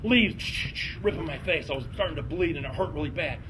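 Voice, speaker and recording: A man telling a dramatic campfire story theatrically, swinging from hushed tones to shouting. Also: on the high side, lively intonation, brisk, rough recording.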